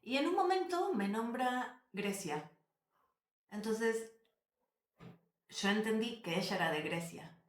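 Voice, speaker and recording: A woman, telling travel stories to camera as a vlogger, animated and emphatic, repeating phrases and addressing viewers directly. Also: on the high side, slow, pauses often. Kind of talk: casual storytelling to camera. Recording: roomy echo.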